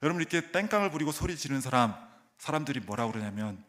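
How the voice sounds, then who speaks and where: A middle-aged man preaching a sermon in church, swinging between loud emphatic calls and soft, low asides, and acting out voices of the people in his story. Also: animated, racing. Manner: acts out voices of crowd and characters. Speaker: pastor. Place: church sanctuary.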